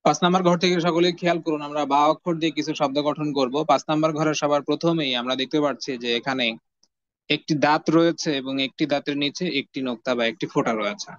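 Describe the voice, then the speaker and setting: A man teaching the Arabic alphabet in an online lesson, patiently drilling letter sounds with steady repetition. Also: a little high. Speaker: Quran reading teacher. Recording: dull lo-fi audio.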